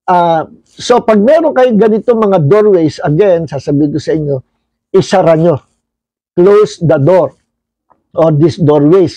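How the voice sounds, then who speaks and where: Filipino man, pastor leading a Bible study, high mellow voice, dry close sound, storytelling manner. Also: no room sound, rough recording. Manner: storytelling, mixes Tagalog and English, frequent "no?" tag. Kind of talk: online Bible study teaching.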